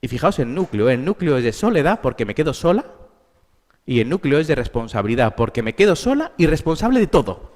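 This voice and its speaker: A man's voice: on the high side, very animated, fast talker, a little mellow, big-room sound. A man with a Spain Spanish accent, a therapist giving an emphatic conference lecture full of rhetorical questions. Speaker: therapist giving a symposium talk. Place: conference hall.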